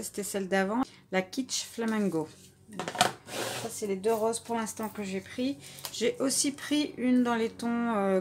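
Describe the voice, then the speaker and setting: A woman in a casual home vlog, talking in a middle-pitched, everyday voice as she shows off craft supplies one by one. She is from France and speaks in a relaxed, hesitant way, stopping often and restarting her sentences. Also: a little hiss or hum. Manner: hesitant, many filler sounds and restarts. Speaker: craft vlogger. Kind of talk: casual haul presentation.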